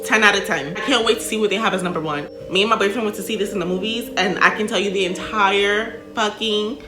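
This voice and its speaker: An American woman giving casual reaction commentary in an animated, emphatic way with plenty of swearing and slang. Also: mid-range voice, fast. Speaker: reaction video host. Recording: roomy echo, music behind.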